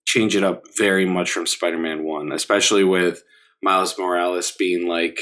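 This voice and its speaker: A man's voice: low-pitched, level tone, normal speed, fairly bright tone. A man co-hosting a casual gaming podcast, making dry jokes with lots of ums. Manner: dry jokes, hesitant fillers. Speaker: podcast co-host.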